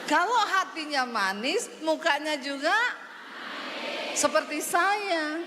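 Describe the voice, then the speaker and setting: A woman pastor delivers an unhurried sermon in a high voice, telling stories with humor. She acts out the people in her stories as she preaches. Her voice rings through a church hall with a long echo and a faint hiss underneath. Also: expressive. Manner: humorous storytelling, acting out the people she quotes. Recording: long reverb, faint background noise.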